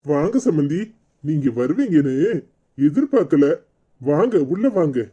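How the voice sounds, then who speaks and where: Woman voicing a mild, low-voiced cartoon father with a Tirunelveli accent, dull lo-fi sound. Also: sing-song, unhurried, dark tone, breathy edge, heavily acted. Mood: welcoming. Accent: Tirunelveli Tamil. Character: bride's father, middle-aged man, meek and polite.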